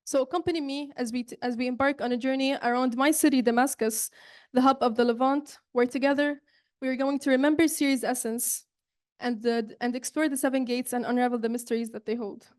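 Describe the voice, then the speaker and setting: A woman's voice: high-pitched, fairly even intonation, fairly quick, darkish tone. A young woman from Saudi Arabia giving an earnest student presentation, with frequent fillers and restarts. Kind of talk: presentation talk.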